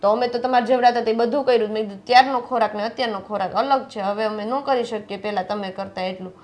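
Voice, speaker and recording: Woman playing a young wife ranting fast about her mother-in-law, family drama, kinda high voice. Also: fairly even intonation, a little mellow, natural voice. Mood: complaining. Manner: complaining, rapid-fire.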